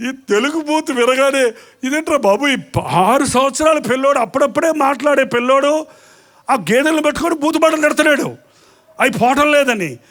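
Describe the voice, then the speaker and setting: A man preaches in a very high voice. He keeps asking the congregation questions, and he acts out both sides of quarrels as he makes his points. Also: animated, a little fast, a bit bright. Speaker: pastor. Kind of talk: sermon.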